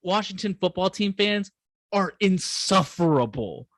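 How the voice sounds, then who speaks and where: A man's voice: high voice, expressive, unhurried, a bit bright, no room sound. A man co-hosting a casual sports podcast, teasing his friends and laughing a lot. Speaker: podcast co-host.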